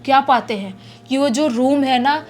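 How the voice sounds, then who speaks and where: A woman's voice: high voice, normal speed. A woman telling a true horror story in a chatty, casual way, often repeating words for effect.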